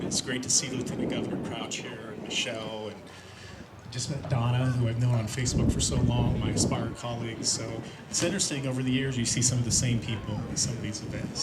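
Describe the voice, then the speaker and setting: A man in his fifties from Indiana gives an earnest, reflective personal testimony at a church event, pausing often on fillers. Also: mid-range voice. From Indiana, USA. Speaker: speaker sharing a recovery testimony. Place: large room at a church event with an audience. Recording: roomy hall with audience noise.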